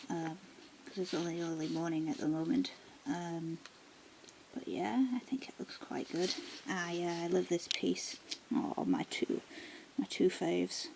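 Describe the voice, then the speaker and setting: Woman art vlogger, casual and rambling, soft half-whispered asides, fry-heavy voice over a noisy home recording. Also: fairly low pitch, normal speed. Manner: rambling, many ums and restarts; often drops to a half-whisper. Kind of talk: casual sketchbook tour. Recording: steady background noise.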